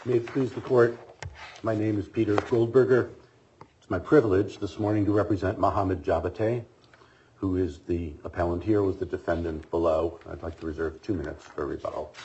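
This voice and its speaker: A man arguing an appeal as defense attorney, speaking in a measured, formal way while coming down with a cold. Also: low-pitched, fairly even intonation, dark tone, a little hiss or hum. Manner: measured, formal legal argument. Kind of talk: oral argument before a court. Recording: dull lo-fi courtroom audio.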